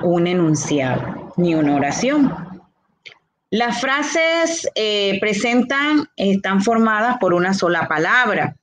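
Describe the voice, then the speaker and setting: A woman teacher giving a grammar lesson, explaining slowly and answering her own questions, with a Honduran Spanish accent. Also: medium pitch, a little hiss or hum. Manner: slow, explanatory, rhetorical questions.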